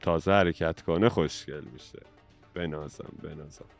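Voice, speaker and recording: A man's voice: a bass voice, vocal fry, faint music behind. Joking male mobile gaming streamer. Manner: lively, joking, addresses viewers directly. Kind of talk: casual gaming commentary with a friend.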